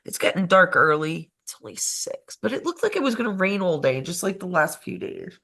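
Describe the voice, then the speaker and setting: A woman hosts a loose, casual chat with a bright, sharp voice. She talks in an easy, chatty way and now and then pleads with her listeners. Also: on the low side, big pitch swings, brisk, vocal fry, slightly rough. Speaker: host.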